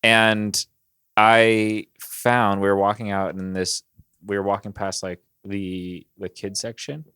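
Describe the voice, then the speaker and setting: A young man co-hosting a casual podcast chat, telling stories in an animated way with lots of fillers. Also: lowish voice, takes it slowly, clean tone, no room sound, studio quality. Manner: animated storyteller, many fillers. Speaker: podcast co-host.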